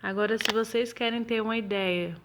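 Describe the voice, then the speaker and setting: A woman, a primary school teacher, explaining a lesson to children slowly and patiently and often checking that they follow. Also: fairly high pitch, steady tone, background noise. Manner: slow, patient explaining with frequent "tá bom?" checks. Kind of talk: recorded remote lesson for children.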